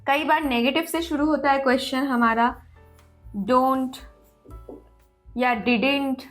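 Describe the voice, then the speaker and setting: Slow, high-voiced woman teaching grammar. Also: steady tone, soft background music. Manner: reads English examples slowly, then explains. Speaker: English teacher. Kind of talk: bilingual grammar lesson.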